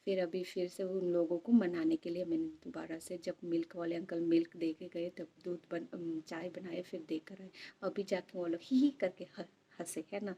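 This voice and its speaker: A woman's voice: on the low side, little pitch movement, normal speed, few pauses, warm tone, slightly rough. A young woman vlogging casually from home, chatting in a rambling way and often checking in her listener. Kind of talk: casual home vlog chat.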